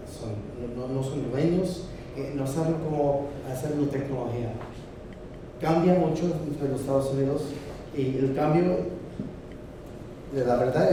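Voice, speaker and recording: A man from the United States with an American accent, a native English speaker giving unscripted panel remarks in halting, non-fluent Spanish. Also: medium pitch. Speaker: expert panelist. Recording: very echoey hall, distant, noisy.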